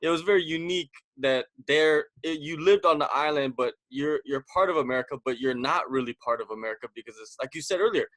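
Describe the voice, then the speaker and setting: Hosting a podcast interview, a West Coast American man talks fast in a slightly high, somewhat bright voice, barely pausing, on a dry recording. He keeps it casual, leaning heavily on "like" and "you know" as fillers.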